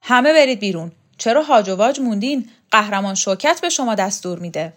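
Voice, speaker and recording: A woman voicing a fierce, bossy older woman commander who scolds and shouts insults in a loud, raised voice. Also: a little high, lively intonation, voice pushed up, close to an everyday voice. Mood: furious scolding.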